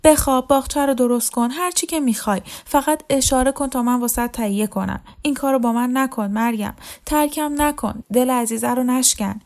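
A woman doing a pleading young woman, raised pitch. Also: dark tone, close to an everyday voice.

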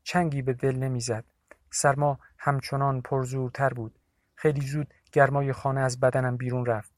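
A man narrating a novel in a steady, measured audiobook reading. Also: mid-range voice, dry recording, clean studio sound.

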